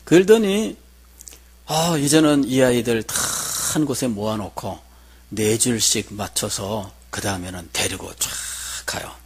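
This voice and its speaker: A middle-aged pastor preaches in a medium-pitched voice with a breathy edge, keeping a measured pace. He tells a personal story conversationally and asks the congregation questions.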